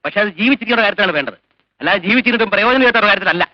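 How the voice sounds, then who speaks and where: A man's voice: high voice, animated, very fast, dry recording. An actor playing a blunt, hard-headed older man, the father of the patient's husband, in a 1980s film drama, speaking in an argumentative way. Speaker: grandfather. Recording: dull 1980s film soundtrack.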